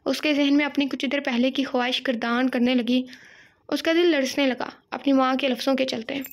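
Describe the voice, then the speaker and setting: A woman reading a romance novel aloud in an emotive, measured storytelling manner. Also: high-pitched, fairly even intonation. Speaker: novel reader. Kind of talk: dramatic novel narration.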